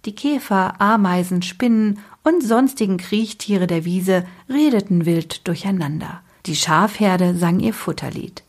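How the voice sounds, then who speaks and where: A woman with a breathy voice reading a children's book aloud expressively, dropping to a whisper at tense moments. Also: medium pitch, measured pace, few pauses. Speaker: storyteller.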